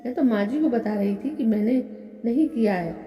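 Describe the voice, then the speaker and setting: A woman voicing a meek, put-upon young daughter-in-law who pleads gently, in an echoey room. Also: fairly high pitch, normal speed, highs cut off, natural voice. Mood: pleading. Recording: echoey room with long reverb.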